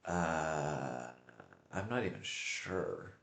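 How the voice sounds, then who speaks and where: A man livestreaming casual, rambling commentary, halting and often repeating himself as he searches for words. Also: rumbling low, lively intonation, fairly bright tone. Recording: echoey room.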